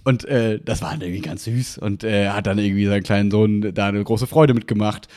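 Man telling an animated anecdote. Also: fairly low pitch, a little fast. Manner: animated anecdote telling, acting out quoted dialogue. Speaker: podcast host. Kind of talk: casual chat, storytelling.

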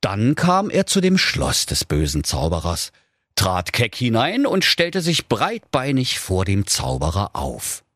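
A man reading a comic fairy tale aloud with a slow, deadpan delivery. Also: fairly low pitch, dry recording, clean studio sound. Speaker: storyteller.

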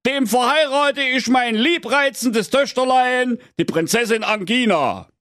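A man voicing a pompous, greedy fairy-tale king making brisk official announcements. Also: very high-pitched, animated, fairly bright tone, no echo, clean studio sound, pitched above the performer's own voice, full character voice.

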